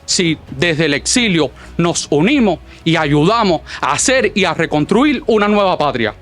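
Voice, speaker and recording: A Cuban man speaks as a political orator in a formal, declamatory style. His voice sits high for a man. Soft music plays faintly behind the solemn address. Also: lively intonation, a little slow. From Cuba. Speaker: political speaker at an exile inauguration. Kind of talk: formal political speech, partly read from a script.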